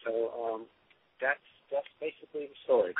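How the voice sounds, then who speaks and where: A man playing a doctor gives an informal testimonial on a conference call, rambling and frequently restarting his phrases. His voice is medium-pitched and steady at a moderate pace. It comes through a telephone, so the line sounds tinny with clear noise.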